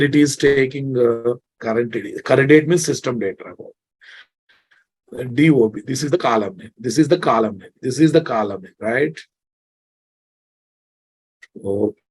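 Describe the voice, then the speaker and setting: A man's voice: mid-range voice, a little mellow. An Indian man with a Telugu accent teaches a programming class in an informal, live style. He repeats key phrases several times over and keeps checking in with his listeners as he explains. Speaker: programming instructor. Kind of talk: informal live technical lecture to students.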